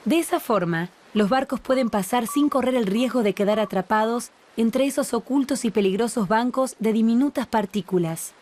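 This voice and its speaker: A woman reading scripted documentary narration in a calm, measured, explanatory way. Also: a little high. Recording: voice-over with clear music behind. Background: music.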